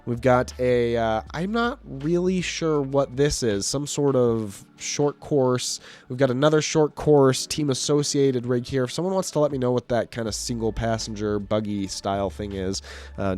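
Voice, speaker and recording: A man's voice: lowish voice, darkish tone. A man hosting his own video, narrating a hobby car show in a casual, rambling voice-over while losing his voice. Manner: casual, rambling, many fillers and restarts. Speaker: host.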